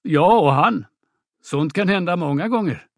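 A swaggering young peasant, voiced by a man reading an audiobook drama, spins a breathless tall tale. His voice sits a little high, and the sound is dry and close to the mic. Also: expressive, no echo. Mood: defiant. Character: boastful young peasant braggart, swaggering storyteller.

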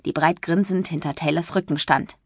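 A woman reading a novel aloud as audiobook narrator, lively and expressive, recorded close in a dry booth. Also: moderate pace, gravelly, breathy edge, dry recording. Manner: lively, voices the friends with light pitch shifts. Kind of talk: scripted narration. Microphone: close studio mic.

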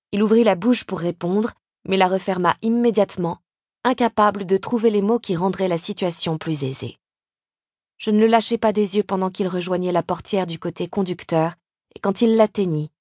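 A woman reads a novel aloud in the first person, measured and expressive. Her voice sits mid-range for a woman. The recording is dry and close, with no room echo. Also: mid-range voice. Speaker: audiobook narrator.

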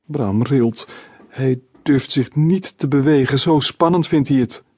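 Husky man reading a children's book. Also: medium pitch, unhurried, dark tone, no room sound. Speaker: author reading his own book. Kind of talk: scripted children's audiobook narration.

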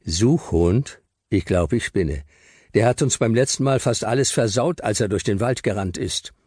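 A man's voice: fairly low pitch, normal speed, a little mellow, breathy edge, no echo, studio quality, voice pushed up. A man voicing a cheeky, streetwise boy with slangy, boisterous talk in a children's audiobook. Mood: grumbling.

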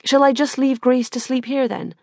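In an audiobook, a woman voices an exasperated, blunt young mother who swears freely. Her high-pitched, slightly mellow voice, pitched above her own natural voice, has fairly even intonation and a moderate pace, captured in clean studio sound with no room sound.

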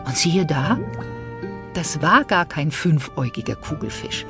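A woman narrating a children's audiobook in an expressive storytelling manner. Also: sits low, unhurried, over music.

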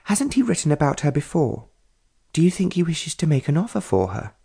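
A man's voice: on the high side, very animated, a little fast, vocal fry, dark tone, slightly rough, voice pushed up, exaggerated voice. A man doing an eager, blunt young woman. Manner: eager, direct questioning.

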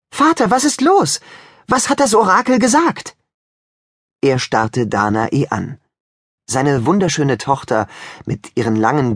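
A man's voice: on the low side, slightly rough, dry recording, studio quality. A man narrating a children's audiobook with wry, joking asides to the listeners.

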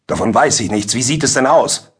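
A man's voice: medium pitch, lively intonation, fairly quick, a bit bright, slightly rough, voice pushed up. A man voicing a flustered, sly old village judge who blusters and dodges questions. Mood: grumbling. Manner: blustering, evasive.

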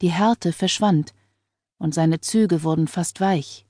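A woman reading an audiobook novel in calm, measured storytelling. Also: fairly low pitch, no echo, clean studio sound. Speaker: audiobook narrator. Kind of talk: scripted narration.

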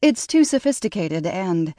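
A woman's voice: fairly low pitch, sing-song, unhurried, dark tone, no echo, clean studio sound. A woman voicing a proud young woman perfumer who holds back her anger behind clipped, cold words.

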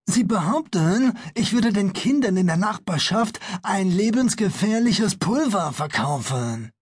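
A man voicing a gentle, eccentric old male professor who speaks slowly and pleadingly in a children's audiobook. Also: high voice, animated, breathy edge, no echo, studio quality, pitched above the performer's own voice, exaggerated voice. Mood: resigned.

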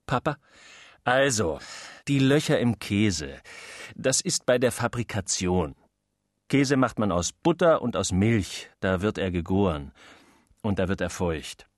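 Mann spielt einen polternden, ungeduldigen Familienvater. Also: male voice, on the low side, animated, measured pace, dry recording, studio quality, voice pushed down. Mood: lecturing. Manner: gruff, lecturing, evasive. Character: impatient, blustering middle-aged father.

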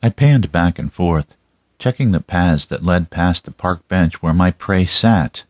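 A man narrates a crime story in the first person, as for an audiobook. His voice sits low in pitch, and the sound is dry with hardly any room to it. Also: measured pace, no echo, lo-fi sound.

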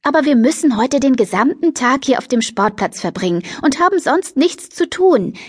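A woman's voice: high voice, expressive, normal speed, husky, dry recording, clean studio sound, pitched above the performer's own voice. Chirpy fashion-mad teen girl, woman reading her in an audiobook, bouncing all over the place. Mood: bubbly. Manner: chirpy, pushy and carefree. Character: bubbly fashion-crazy teenage girl matchmaker.

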